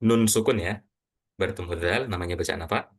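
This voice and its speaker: A man teaching Quran reading to a class, quizzing students and slowly reciting example words. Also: sits low. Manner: patient, asks students questions, models recitation slowly.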